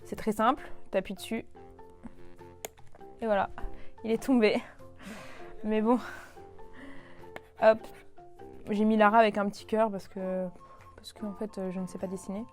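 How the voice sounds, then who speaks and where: A woman's voice: mid-range voice, flat delivery, a little slow, long pauses, a little mellow, soft background music. A young woman casually presenting a toy to the camera, with lots of fillers and restarts. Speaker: toy review YouTuber.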